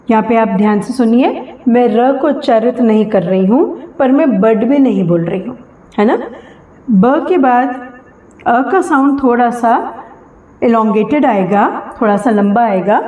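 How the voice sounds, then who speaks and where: A woman with an Indian accent teaching English phonetics, slowly sounding out each example word. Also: fairly high pitch, lo-fi sound. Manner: slow, drawn-out sounding of example words. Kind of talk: classroom lesson mixing Hindi and English. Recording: echoey room with long reverb.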